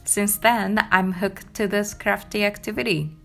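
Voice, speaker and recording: A young woman from Japan with a Japanese accent, narrating her knitting vlog in a calm, gentle, chatty way; English is not her first language. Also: medium pitch, a little slow, creaky, faint music behind. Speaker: knitting vlogger. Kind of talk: voice-over narration.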